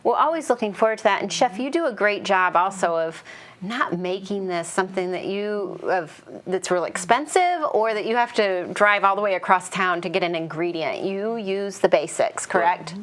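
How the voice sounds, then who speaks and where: A woman's voice: mid-range voice, normal speed. Woman hosting a community interview show. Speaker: host.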